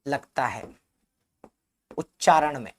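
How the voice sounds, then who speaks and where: A male Hindi teacher giving a live online grammar class, asking his own questions and answering them, repeating key terms slowly so students can write them down. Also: medium pitch, fairly bright tone, a little hiss or hum.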